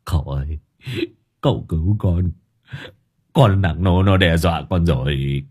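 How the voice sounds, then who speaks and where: A man's voice: rumbling low, normal speed, a little mellow, breathy edge, voice pushed down. A man voicing a crude, grumpy young man who swears and whines when scared. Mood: whining.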